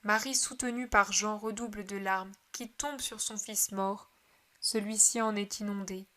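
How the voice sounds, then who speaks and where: A woman's voice: medium pitch, steady tone, normal speed, pushed and bright. A woman reading a devotional story aloud in an earnest narrating style. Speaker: audiobook reader. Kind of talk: scripted narration.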